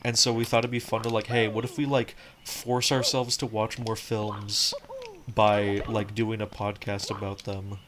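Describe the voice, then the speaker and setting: In a low, flat voice and a slightly slow delivery, a game streamer offers rambling commentary as he plays. He fills the talk with "like" and restarts often, with game music and a crowd audible behind him.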